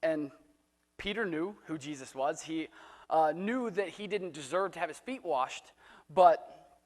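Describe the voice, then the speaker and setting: A man's voice: fairly high pitch, animated, measured pace, big-room sound. A man preaching a casual, conversational sermon in a church, talking in a loose, chatty way with fillers and restarts. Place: church sanctuary.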